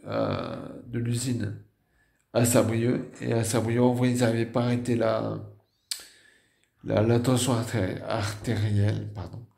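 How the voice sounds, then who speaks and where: A tired man with a nasal voice and a northern French accent from the Nord, telling a personal story in a halting way with many fillers and restarts. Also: on the low side, gravelly, mellow, roomy sound. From Nord, northern France.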